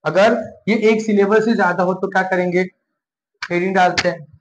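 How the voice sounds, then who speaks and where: Male teacher, high voice, slow and patient, echoey room with faint hiss. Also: steady tone. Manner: slow and repetitive, asks and answers his own questions. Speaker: online English grammar teacher. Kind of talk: live class explaining grammar. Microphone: live class recording.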